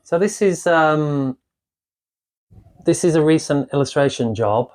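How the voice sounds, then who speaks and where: A middle-aged man from England talking casually as an interview guest, rambling and relaxed, often ending with "isn't it". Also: fairly high pitch, a little slow. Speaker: guest artist. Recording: echoey room with faint ambient noise.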